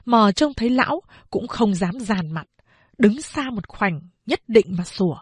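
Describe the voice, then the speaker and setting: Slow, measured woman narrating. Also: mid-range voice, slightly rough, no echo. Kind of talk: audiobook narration.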